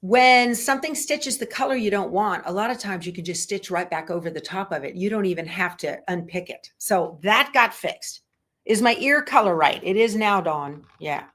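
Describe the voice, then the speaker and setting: A woman's voice: medium pitch, normal speed, fairly bright tone. Chatty woman demoing an embroidery machine. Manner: chatty, thinks aloud, reads viewer comments. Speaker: embroidery instructor. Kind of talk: live-stream machine embroidery demo. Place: sewing room.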